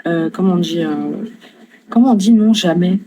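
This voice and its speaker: A woman's voice: fairly low pitch, moderate pace, noisy background. A woman casually chatting on her live stream, talking in loose slang, swearing freely, answering her chat and fumbling for English words.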